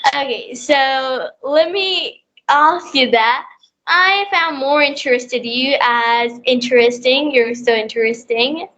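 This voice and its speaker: A young speaker from Bangladesh, still in school, eagerly hosting an English conversation practice call. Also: female voice, sits high, slow pace, pushed and bright, highs cut off. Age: child in sixth class. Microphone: online call.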